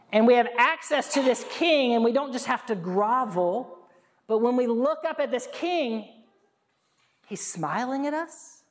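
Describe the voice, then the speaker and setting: A woman preaching a sermon, earnest, telling stories and calling on the congregation to answer. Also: mid-range voice. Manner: earnest, warm storytelling with congregation call-and-response. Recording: long reverb of a hall.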